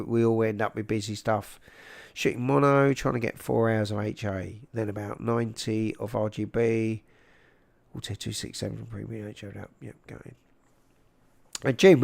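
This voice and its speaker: A man with a South London accent hosts a casual livestream. His voice sits at an average pitch, and he talks informally and matily to his viewers, close up on a big microphone. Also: gravelly. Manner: informal and matey, calling people "mate". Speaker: livestream host. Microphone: large microphone up close.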